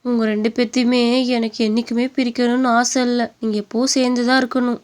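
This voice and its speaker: A woman voicing a meek young wife in an animated story, speaking softly and pleading. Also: a little high, fast talker, lightly acted. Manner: soft, pleading.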